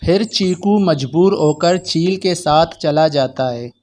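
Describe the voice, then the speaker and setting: A man narrating a children's cartoon story in a calm, steady storytelling manner. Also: fairly high pitch, slow.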